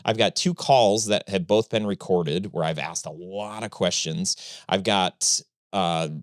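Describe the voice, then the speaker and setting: A man hosting a podcast interview, talking casually in a rambling, halting way with many restarts and a joking streak. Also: low voice, no echo, clean studio sound. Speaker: podcast host.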